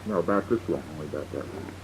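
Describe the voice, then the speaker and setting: An older man, a grandfather, improvising a rambling bedtime story for a child and pausing to explain words. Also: very deep voice. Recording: dull lo-fi home tape with faint hiss.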